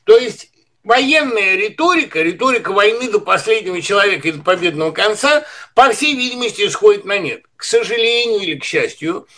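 High-voiced man lecturing on politics. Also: expressive, a little fast, sharp tone. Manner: lecturing, digressive, full of literary references. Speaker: commentator. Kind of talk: political and literary commentary.

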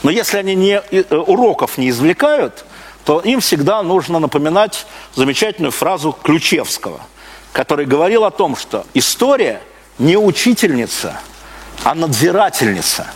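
Speaking at a moderate pace with a sing-song lilt, this Russian man has a fairly high voice as he lectures live before an audience. His delivery is forceful, full of repetition, rhetorical questions and broken-off sentences, and the recording carries obvious noise.

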